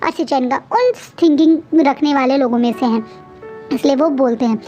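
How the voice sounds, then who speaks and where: A woman's voice: high-pitched, normal speed, warm tone, dull audio, soft background music. A woman casually retelling a fan fiction story, chatty and restarting her sentences often. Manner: chatty, frequent restarts and fillers.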